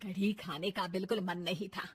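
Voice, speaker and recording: A woman narrating a cartoon family story in a soft storytelling manner. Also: on the low side, fairly even intonation, moderate pace, breathy edge.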